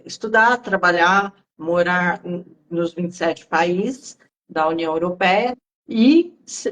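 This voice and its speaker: A woman, explaining things in a relaxed, conversational way on a live-stream Q&A, with frequent fillers. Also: mid-range voice, rough recording. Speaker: guest speaker on Italian citizenship. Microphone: remote live-stream call.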